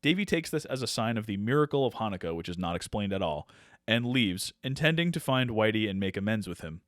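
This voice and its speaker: A man's voice: fairly low pitch, very animated, fast talker, no room sound, clean studio sound. Man summarizing a movie plot. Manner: summarizes with asides and laughs. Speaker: podcast co-host. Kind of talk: casual chat, reading a plot summary.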